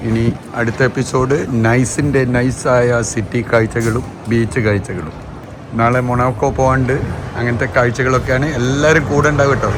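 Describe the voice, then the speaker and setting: A man's voice: mid-range voice, fairly even intonation, moderate pace. A man with a Malayali accent giving casual, chatty travel vlog commentary, mixing English words into his Malayalam and often tossing short questions to viewers. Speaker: travel vlogger. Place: outdoors on city streets. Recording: noisy outdoor street and traffic ambience.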